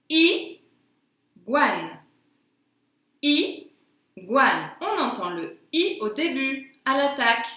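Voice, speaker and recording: A woman teaching a phonics lesson to young children, sounding out words slowly and carefully. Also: on the high side, bright, forceful tone, echoey room. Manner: slow, careful, drawn-out word pronunciation.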